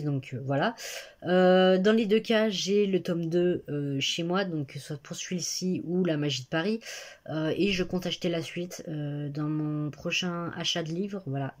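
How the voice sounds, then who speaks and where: A young woman talking casually about books she has read, with many fillers, pauses and self-corrections. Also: on the low side, darkish tone. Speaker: book vlogger. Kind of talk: casual book review to camera.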